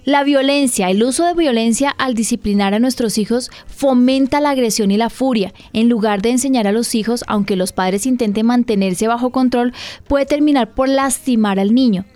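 Earnest woman pastor, slightly high voice. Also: normal speed, a little mellow, no room sound. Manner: earnest, questioning her co-host, breathing advice. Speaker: pastor and radio program host.

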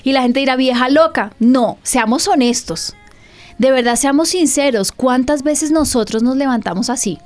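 Woman, pastor, radio host, fairly high voice, candid testimony, conversational. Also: dark tone. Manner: candid, conversational, asks listeners direct questions.

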